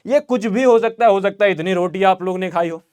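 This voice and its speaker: Young Indian male maths tutor, high and crisp, energetic and chatty, online revision lesson. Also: fairly quick. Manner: energetic, chatty, repeats key questions and answers them himself. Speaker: maths teacher.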